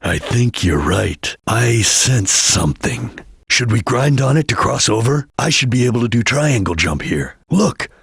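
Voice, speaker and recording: Espio the Chameleon, husky stoic ninja. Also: male voice, mid-range voice, animated, a little slow, fairly bright tone, dry recording, studio quality, heavily acted. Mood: grave, watchful. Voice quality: husky, gravelly. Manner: terse, solemn, guarded delivery. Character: stoic, watchful ninja chameleon, grave and duty-bound. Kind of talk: scripted video game voice lines.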